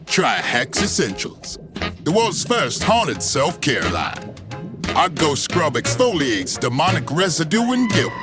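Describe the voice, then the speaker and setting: A man playing a smooth, sassy pitchman for haunted skincare in a parody radio advert. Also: very animated, takes it slowly. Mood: cheeky, selling. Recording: hip hop music bed.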